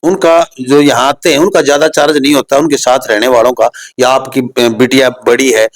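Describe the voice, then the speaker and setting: A man hosting an on-location interview, talking excitedly and pitching straight to his viewers. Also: a little fast, poor audio. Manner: excited, promotional, addresses viewers directly. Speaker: host. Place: at a residential training institute.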